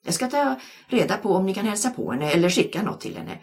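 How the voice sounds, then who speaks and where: A woman voicing a big, friendly male primary school teacher with a deep, dark voice and a kindly, slightly awkward manner. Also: very animated.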